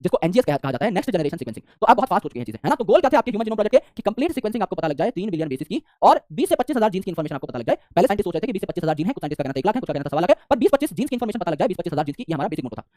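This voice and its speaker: A man's voice: high-pitched, sing-song, rapid-fire, hardly any pauses, a little mellow, no room sound, studio quality. A man giving a biology revision lecture, explaining at speed and asking rhetorical questions as he goes. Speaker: biology teacher.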